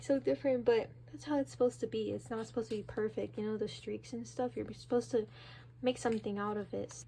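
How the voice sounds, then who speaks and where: A young woman giving a casual, chatty tour of her sketchbooks, excitable and full of fillers. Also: fairly high pitch, a little hiss or hum. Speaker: vlogger.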